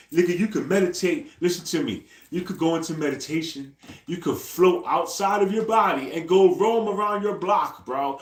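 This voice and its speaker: A man in his forties, chatting casually on a live stream, talking in loose slang, ending nearly every phrase with "bro" and repeating himself to his viewers. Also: on the high side. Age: 40s. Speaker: livestreamer. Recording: echoey room.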